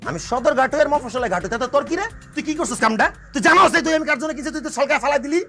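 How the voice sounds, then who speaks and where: A man plays a cocky, hot-tempered street shoe seller in a comic skit. He uses loud, rhyming sales patter. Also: very high-pitched, animated, rapid-fire, vocal fry, soft background music, exaggerated voice. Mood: quarrelsome. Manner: brash rhyming hawker patter, loud and quarrelsome. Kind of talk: comic short-drama acting.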